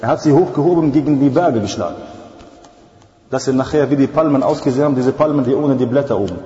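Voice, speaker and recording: A man's voice: mid-range voice, quick pace, warm tone. A man preaching a sermon emphatically, repeating himself and asking rhetorical questions. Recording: dull lo-fi recording in an echoey hall.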